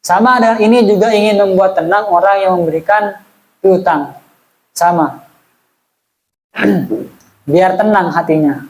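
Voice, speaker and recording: A man's voice: high-pitched, measured pace, pauses often, poor audio. A man, teaching an Islamic study class in a chatty way and asking the audience questions. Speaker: religious teacher. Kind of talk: casual Islamic study lesson.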